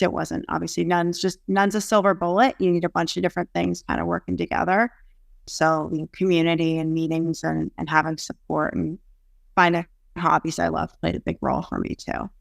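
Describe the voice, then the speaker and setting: A chatty, earnest woman from the Boston area, a podcast guest with a low, gravelly voice. She talks freely with fillers. The sound is dry and close. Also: no room sound. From Boston area, USA. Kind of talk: casual podcast chat.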